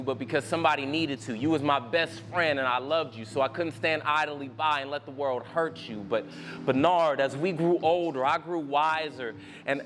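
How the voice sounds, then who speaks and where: A man's voice: on the high side, fairly bright tone, slight background noise. Young man performing spoken word, rhythmic. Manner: rhythmic, emphatic, builds through repeated phrases. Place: live poetry venue.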